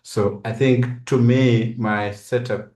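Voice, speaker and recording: A man from western Kenya, a physicist and university lecturer, answers as an interview guest with personal, explanatory responses in a Kenyan accent. His mid-range voice is a little mellow, fairly even in intonation, and slow in pace.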